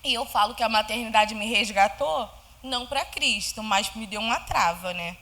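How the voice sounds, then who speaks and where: Young Brazilian woman, high voice, heartfelt church testimony, chatty with tag questions. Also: moderate pace, sharp tone. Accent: Brazilian Portuguese. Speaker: church member giving testimony. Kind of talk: personal testimony.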